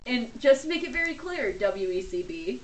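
Giggly, lively woman in an echoey room. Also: a little high, normal speed. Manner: joking, giggly, playful wordplay. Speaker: podcast co-host. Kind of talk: casual comedic chat. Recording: roomy, distant mic, faint noise.

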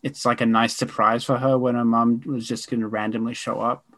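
A man's voice: mid-range voice, flat delivery, fairly quick, fairly bright tone. A young man co-hosting a podcast, speaking frankly in a rambling, casual way. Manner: rambling, frank, self-correcting. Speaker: podcast co-host. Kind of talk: casual chat.

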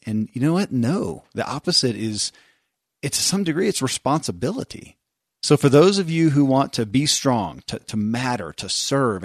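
A man's voice: mid-range voice, dry recording, studio quality. A man hosting a motivational show, speaking earnestly and emphatically straight to listeners. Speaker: podcast host.

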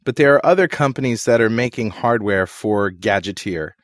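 A man with a lowish voice co-hosts a technology talk show, chatting casually and joking between topics. His voice is dry and close, with no room sound around it, and he rambles with plenty of fillers and restarts. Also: normal speed, dry recording. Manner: jokey storyteller, many fillers and restarts. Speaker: podcast co-host. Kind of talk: casual chat. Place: recording studio.

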